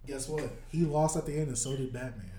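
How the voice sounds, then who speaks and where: A man's voice: mid-range voice, brisk, mellow. A young man co-hosting a podcast, goading his friends in casual slangy banter. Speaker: podcast co-host. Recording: echoey noisy room, off-mic.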